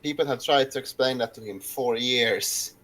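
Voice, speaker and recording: A man's voice: mid-range voice, normal speed, fairly bright tone. A man co-hosting a casual podcast who cuts in with dry, skeptical remarks. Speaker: podcast co-host.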